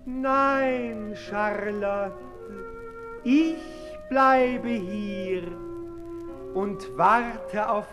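A male voice plays a florid, lovesick aristocratic suitor in a 1960s German radio drama, delivering musical declamation that is high, very drawn-out and pompous. He sounds haughty and exalted, yet pleading. The recording is a reverberant old radio play with music.

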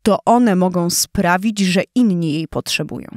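A woman's voice: lowish voice, unhurried, a little mellow, no room sound, clean studio sound, natural voice. Woman doing a haughty lion king. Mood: proud. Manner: scornful, blustering, later awkward and hesitant.

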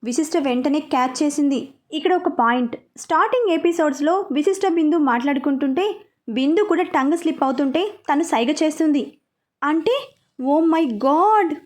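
Woman storyteller, high voice, expressive serial-romance reading. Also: brisk.

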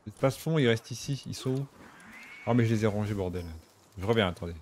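A man streaming a video game, chatting casually with his viewers and breaking into excited exclamations. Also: on the low side, brisk, a little hiss or hum. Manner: chatty, talks to chat and game characters. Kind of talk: casual gameplay commentary.

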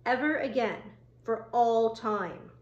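A woman reading an audiobook, voicing a frightened but scheming young teenage boy who talks in a squeaky, pleading way. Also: takes it slowly, lo-fi sound. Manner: squeaky, pleading, playing timid. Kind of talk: audiobook character voice. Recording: roomy echo.

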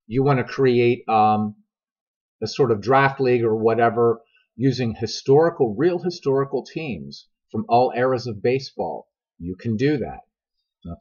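A dull, slightly lo-fi recording of a middle-aged man hosting a game tutorial. His voice is husky with a smoker's rasp. He talks conversationally to viewers and wanders into asides as he explains. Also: mid-range voice. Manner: conversational, digressive, addresses viewers directly. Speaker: video game tutorial host. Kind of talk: casual, rambling tutorial narration. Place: voice-over recorded over screen capture. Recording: dull, lo-fi microphone sound.

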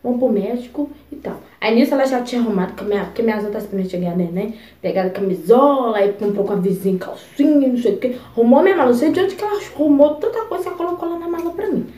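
A young woman vlogger telling a personal story in a chatty, expressive way, full of asides. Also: fairly high pitch, rapid-fire, reverberant. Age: young adult. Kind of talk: casual storytelling.

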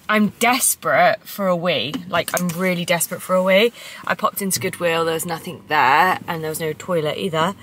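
A woman's voice: mid-range voice, sharp tone, a little hiss or hum. A woman, chatting upbeat and rambling as a vlogger from inside a parked car, filmed by a camera on the dashboard. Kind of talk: casual chatty vlog. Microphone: camera on the dashboard or held in hand.

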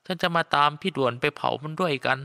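A man's voice: a little high, fast, vocal fry, sharp tone, clear, resonant tone, voice pushed up. A man voicing a weepy scheming aunt. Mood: tearful pleading. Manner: pleading, weepy. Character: tearful scheming woman, father's younger sister. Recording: long reverb.

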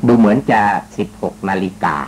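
A man's voice: a little fast, background noise. Chatty joking man with polite particles. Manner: joking, teasing, chatty storyteller. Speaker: radio talk host. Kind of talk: casual spoken commentary.

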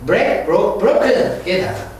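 Animated male teacher in an echoey room. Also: sits high, very slow. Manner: drills words by repeating them, animated teacherly delivery. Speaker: English teacher. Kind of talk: recorded vocabulary and pronunciation lesson. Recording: very echoey room, distant mic, faint hiss.

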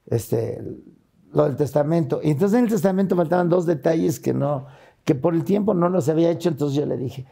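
A man's voice: on the high side, gravelly, mellow. An older man with a Mexican accent, a guest in a casual interview, retelling a hard time in an earnest, emotional way.

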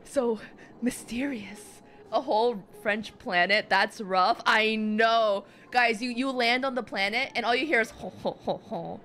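Bright and high-voiced, a woman streams games at a measured pace, chatting casually with her viewers as she plays. She's animated and playful, greeting them as "gamers" and "guys," with game music in the background.

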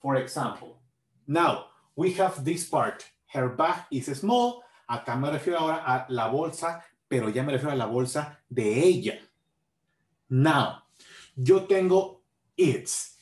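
Slow-paced teacher in an echoey room. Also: male voice, medium pitch, expressive. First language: Spanish. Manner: switches between English and Spanish, says examples slowly. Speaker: English teacher. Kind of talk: bilingual grammar lesson. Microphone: built-in camera mic.

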